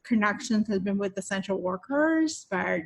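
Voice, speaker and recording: A woman podcast host from Puerto Rico talks in a mid-pitched voice. She chats casually and rambles, filling her talk with "like" and "I don't know". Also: animated, normal speed, creaky. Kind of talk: casual interview chat.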